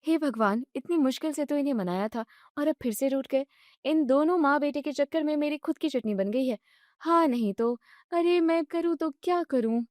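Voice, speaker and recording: Woman doing a bright, exasperated young bride. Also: high voice, no room sound, clean studio sound, voice pushed up, lightly acted. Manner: exasperated, quick. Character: frustrated clever young daughter-in-law. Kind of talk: storybook narration.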